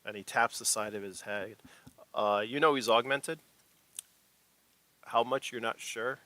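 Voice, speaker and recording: Bright-voiced male game master. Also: mid-range voice, measured pace, dry recording. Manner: rambling, many fillers and restarts. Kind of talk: narrating a tabletop game.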